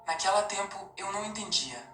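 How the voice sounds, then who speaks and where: A woman in her forties calmly narrating her own life story as a scripted first-person testimony. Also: mid-range voice, a little fast. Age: 40s. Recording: roomy recording with faint music behind.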